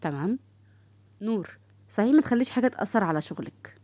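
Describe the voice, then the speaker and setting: A woman's voice: mid-range voice, lively intonation, fast talker, mellow, no room sound, close to an everyday voice. A woman voicing a firm, commanding male team leader.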